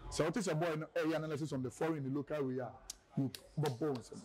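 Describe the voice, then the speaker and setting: A man with a Ghanaian accent talks through his story in a relaxed interview. His voice is mellow and a little high. He rambles and slips between a local language and English. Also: fast talker, rough recording. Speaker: radio presenter, guest.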